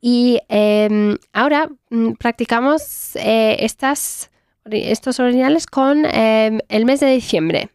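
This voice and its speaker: A woman gives a one-on-one German lesson. She speaks slowly and patiently, praising and correcting pronunciation. The sound is dry and close. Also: fairly high pitch, a little mellow, clear, resonant tone, no echo. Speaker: German language teacher.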